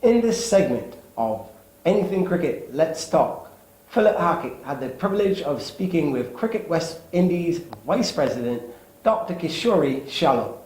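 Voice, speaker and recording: A man's voice: a little high, big pitch swings, moderate pace, a little mellow, echoey room, poor audio. A man hosting a TV talk show, asking questions in a joking, conversational way. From Barbados. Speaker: show host.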